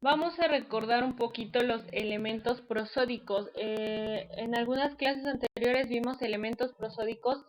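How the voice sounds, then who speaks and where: A woman's voice: a little high, low-quality recording. A woman teacher, giving an online class lecture in a patient, explanatory way with frequent fillers.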